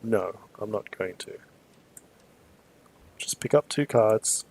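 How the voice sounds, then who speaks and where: A man's voice: lowish voice, slow, creaky. Easygoing man thinking aloud. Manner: relaxed, chatty, muses aloud and chuckles easily. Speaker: streamer playing a card game. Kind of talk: casual thinking aloud while playing.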